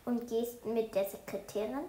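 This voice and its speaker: Woman doing a strict storybook teacher, scolding, loud, high, echoey room. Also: level tone, normal speed, natural voice. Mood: stern. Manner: stern, raised scolding voice. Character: strict female schoolteacher, quick to scold. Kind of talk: storybook reading. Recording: roomy echo.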